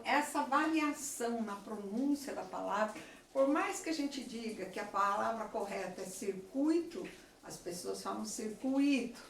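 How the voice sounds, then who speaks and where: Slow-talking woman teacher. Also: fairly high pitch, gravelly, fairly bright tone. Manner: slow, explanatory, checks in with the class often. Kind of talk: classroom lecture. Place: classroom with a chalkboard. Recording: echoey room, voice from far off, faint noise.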